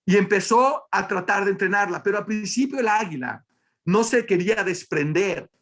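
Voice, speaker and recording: High-voiced man telling a motivational fable. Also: moderate pace. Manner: animated, repeats and restarts words often. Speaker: business leader giving a motivational talk. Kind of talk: motivational storytelling talk.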